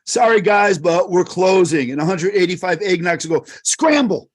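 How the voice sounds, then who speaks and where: A man performing in a live improv game, telling quick bar jokes with steady delivery. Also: high voice.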